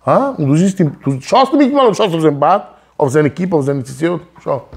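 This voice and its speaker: A man's voice: a little high, lively intonation, a little fast, creaky, slightly rough. A man in his thirties giving an emphatic Torah lecture, firing rhetorical questions and mixing in Hebrew words, recorded on a lapel mic in an office room. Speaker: Torah teacher. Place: office room with wooden wall.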